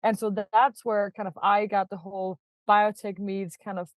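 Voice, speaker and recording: A Danish startup founder with a mid-range voice speaks at a normal pace as a guest on a casual podcast interview. Her delivery is flat, though she laughs often and fills her talk with "like" and "kind of," and there's no echo.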